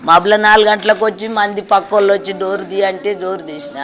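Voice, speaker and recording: A woman's voice: medium pitch, steady tone, fast, a crowd in the background. An older woman with a Telangana Telugu accent, grief-stricken, lamenting and repeating herself as she tells of losing her daughter. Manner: lamenting, repeats phrases, sobbing laughs. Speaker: victim's mother. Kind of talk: grieving interview.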